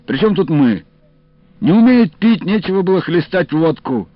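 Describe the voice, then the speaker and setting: Man doing a gruff, teasing old uncle. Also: fairly high pitch, big pitch swings, normal speed, dry recording, voice pushed up. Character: gruff, mocking, warm-hearted old uncle. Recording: dull dry studio audio, faint music.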